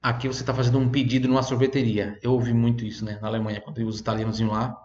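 A man's voice: mid-range voice, flat delivery, a little mellow. Patient man teaching language. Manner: patient, repeats phrases slowly for learners to copy. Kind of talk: online language lesson. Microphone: desk microphone. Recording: roomy, slightly dull sound.

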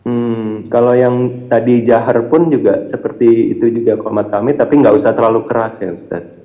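A man calling in to ask questions, politely and hesitantly, pausing and restarting often. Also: medium pitch, fairly even intonation, warm tone. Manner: hesitant, many fillers and restarts. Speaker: caller asking questions. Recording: dull, roomy, reverberant line.

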